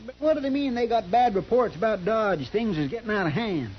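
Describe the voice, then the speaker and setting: High-pitched folksy sidekick Chester. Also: male voice, lively intonation, a little fast. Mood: indignant. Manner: folksy, indignant, stubborn. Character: loyal, fretful, folksy deputy sidekick of the marshal. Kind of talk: 1950s radio western acting. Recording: dull, noisy 1950s radio recording.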